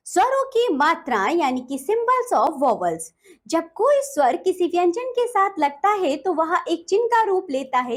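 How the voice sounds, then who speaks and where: A woman teaching a grammar lesson to children. She asks and answers her own questions and reads out the letters one by one. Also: sits high. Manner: reads letters one by one in a slow, sing-song drill.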